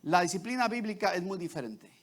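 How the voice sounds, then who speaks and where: A man with a very high-pitched voice preaching a sermon. He speaks in a conversational way, with frequent restarts, and keeps checking in with the congregation through short tag questions. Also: lively intonation, a little fast. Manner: repeats "¿verdad?" and "¿sí?" to the congregation, with many restarts.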